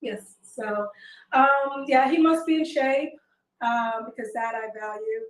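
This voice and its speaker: A woman in her twenties from Haiti, a guest on a call-in show, speaking softly and hesitantly with many fillers. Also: on the high side, takes it slowly, roomy sound, far from the mic, rough recording. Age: 20s. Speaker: show guest seeking a partner. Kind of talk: casual call-in chat.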